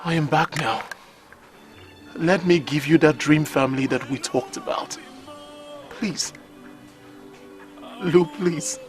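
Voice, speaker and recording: In this clip, an actor plays a remorseful man begging the woman he wronged, his estranged lover, to come back. His voice is on the high side and slow, with long pauses, and he pleads while repeating her name over music.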